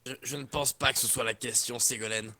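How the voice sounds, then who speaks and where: A man reading a role in a comic fan-fiction reading, deliberate and mock-pedantic. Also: medium pitch, steady tone, sharp tone.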